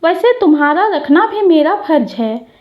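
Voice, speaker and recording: Kind old father-in-law, a woman reading him, gentle, affectionate, high voice, dull lo-fi sound. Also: sing-song, moderate pace. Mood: gentle, reassuring. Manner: soft, affectionate, reassuring.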